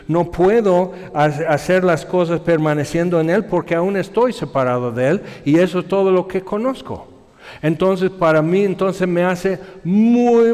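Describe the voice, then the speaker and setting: A man with a fairly high voice preaching in a church hall with a long reverb. He tells stories with animation and slips into other people's voices when quoting them. The tone is lively and conversational. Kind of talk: sermon.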